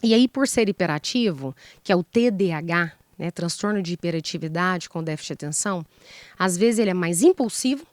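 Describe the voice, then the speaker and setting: A woman's voice: on the low side, animated, a little fast, no room sound. A woman psychologist, explaining relationship advice in an interview with rhetorical questions and acted-out example lines. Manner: didactic, acts out example dialogues, rhetorical questions. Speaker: psychologist guest.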